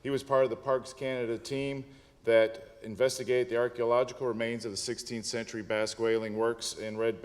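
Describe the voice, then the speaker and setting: A man reads out a speaker introduction at a conference, measured and formal. His low voice carries long reverb from the hall. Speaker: conference moderator.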